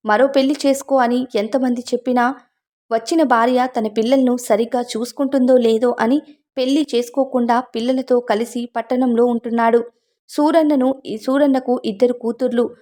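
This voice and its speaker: Higher-voiced woman storyteller. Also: mellow. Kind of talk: scripted story narration.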